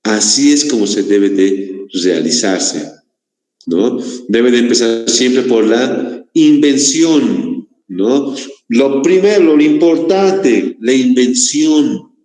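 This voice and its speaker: A man's voice: medium pitch, animated, takes it slowly, dark tone. Man, Bolivian Spanish accent, teacher, lecturing, rhetorical questions, roomy recording with long reverb. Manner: asks the class frequent rhetorical questions. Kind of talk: online class lecture. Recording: echoey room, long reverb.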